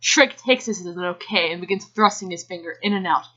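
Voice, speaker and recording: A woman with a lowish, brisk voice and a sharp tone performs an amateur dramatic reading of fan fiction. She is giggly, adds casual asides and frequently breaks off to react, heard through a dull, lo-fi home recording.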